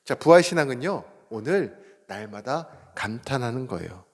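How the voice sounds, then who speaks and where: A man's voice: mid-range voice, moderate pace, in a large hall. A man preaching a sermon as pastor. He acts out cries of surprise and asks the congregation questions, then answers them himself. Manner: animated, acts out exclamations of surprise. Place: church sanctuary.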